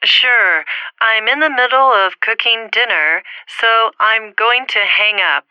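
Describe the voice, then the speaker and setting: A woman speaking slowly and clearly in a scripted phone dialogue, heard over a landline phone. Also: fairly high pitch, no echo. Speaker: voice actor in a listening exercise. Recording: muffled phone-line sound.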